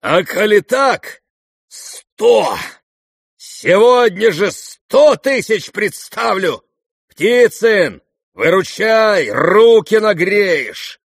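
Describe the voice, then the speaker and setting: A man voicing a reckless, drunk young male merchant who shouts and drags out his boasts. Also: sits high, big pitch swings, vocal fry, husky, dry recording, clean studio sound, voice pushed up, heavily acted. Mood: drunk bragging. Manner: shouting, drawn-out bragging.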